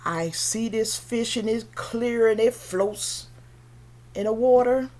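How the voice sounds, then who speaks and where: A woman teaching young children in a slow, sing-song way, with playful animal sounds. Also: on the high side, mellow. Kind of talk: singalong children's lesson.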